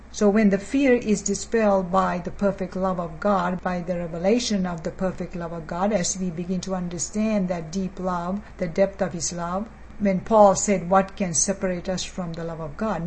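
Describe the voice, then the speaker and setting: A woman preaching in a mid-range voice, steady and deliberate. She circles back to key phrases and stresses them. A faint hiss sits under the recording. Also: medium pitch, poor audio. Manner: measured, repeats key phrases for emphasis. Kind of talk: sermon teaching.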